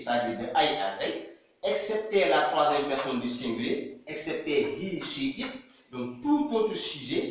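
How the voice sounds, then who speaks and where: A man from Senegal, an English teacher, explaining grammar slowly and repeating himself, checking in with rhetorical questions. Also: on the high side. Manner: slow, repetitive, rhetorical questions. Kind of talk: classroom grammar lesson. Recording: echoey room, mic at a distance.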